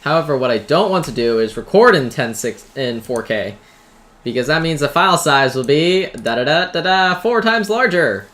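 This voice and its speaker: A man with a slightly high, expressive and somewhat bright voice speaks at a normal speed while hosting a gaming video. He keeps things casual and rambling, tossing in wry jabs at himself, and the noisy home mic picks up typing, keyboard clatter and background noise.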